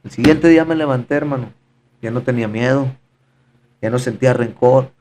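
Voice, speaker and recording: A man's voice: medium pitch, brisk, a little mellow, slight background noise. A man giving a fervent, repetitive personal testimony in conversation, often calling his listener brother. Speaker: podcast guest giving testimony.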